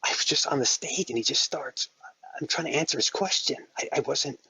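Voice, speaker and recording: A man speaks in a gravelly, slightly husky voice, stumbling over his words. He sounds shaken and keeps apologizing. The phone recording is dry and close. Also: a little high, pushed and bright, no room sound, poor audio. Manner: halting, apologetic, stammering. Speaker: Clubhouse speaker. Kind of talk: emotional live audio chat.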